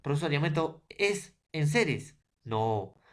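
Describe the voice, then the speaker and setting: Male Peruvian schoolteacher, unhurried, repetitive grammar drills. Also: fairly high pitch, very animated. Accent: Peruvian Spanish. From Peru. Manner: repetitive, checks in with students often; lists word pairs one by one. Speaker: secondary school teacher. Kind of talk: grammar lesson to students.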